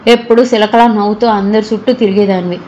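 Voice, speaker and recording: A woman's voice: mid-range voice, steady tone, fast talker, dark tone, highs cut off, slight background noise, natural voice. A woman playing a blunt, earthy old village woman. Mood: scolding.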